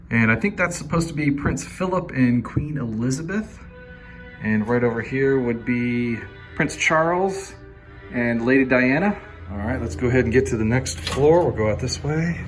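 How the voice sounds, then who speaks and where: Chatty man touring a wax museum. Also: mid-range voice. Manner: chatty, quizzes viewers with questions; hesitant, frequent fillers and restarts. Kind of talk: casual walk-through commentary.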